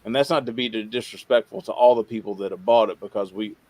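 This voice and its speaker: A man talking casually as a podcast guest, halting and rambling as he repeats himself, with informal swearing. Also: lowish voice, a little mellow, no room sound. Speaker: podcast guest, radio show co-host. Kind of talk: casual interview talk.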